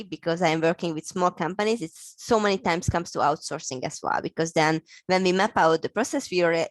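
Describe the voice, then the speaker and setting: In a dry recording, a low-voiced woman from Hungary speaks English with a Hungarian accent. As an interview guest and operations consultant, she explains her work, often using fillers and restarting sentences.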